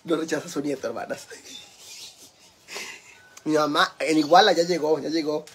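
Campy high-voiced Mexican man cooking live. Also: fairly even intonation, normal speed, fairly bright tone, slight background noise. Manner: campy, teasing, foul-mouthed banter with viewers. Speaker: livestream cooking host. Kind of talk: casual cooking livestream chat.

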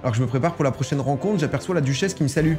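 Music plays in the background as a man with a medium-pitched voice races through casual let's-play commentary. He's a gaming streamer playing a strategy game, chatting and reading the game text aloud.

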